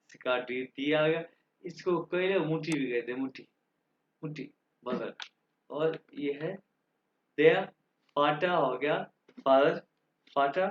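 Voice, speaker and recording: A man's voice: on the high side, slight background noise. A man teaching German grammar to a class, patient and repetitive, often checking that students understood. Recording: dull, roomy classroom recording.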